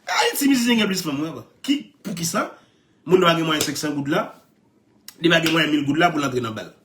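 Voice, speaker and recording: A man with a Haitian Creole accent talks in a high voice that swoops up and down. He tells his stories excitedly, laughs often and keeps repeating his phrases. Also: fast talker, slight background noise. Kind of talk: animated storytelling chat.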